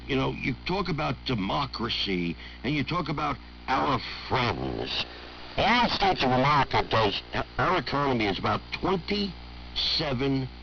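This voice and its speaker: A man hosting a live call-in talk radio show in a smooth radio host manner, assertive and quick to argue back at callers. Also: medium pitch, slight background noise. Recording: dull lo-fi radio broadcast.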